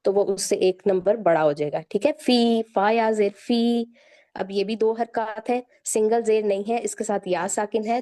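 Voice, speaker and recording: Mellow-voiced woman teaching Quran recitation. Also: medium pitch. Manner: slow, drawn-out syllable-by-syllable demonstration; patient, repeats "theek hai" to check in.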